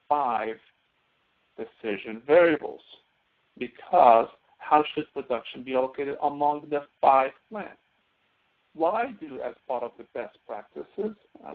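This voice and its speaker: Heard over narrow phone-like audio, a man with a mid-range voice and vocal fry teaches a step-by-step tutorial lecture. As the instructor, he keeps raising questions and then supplying the answers.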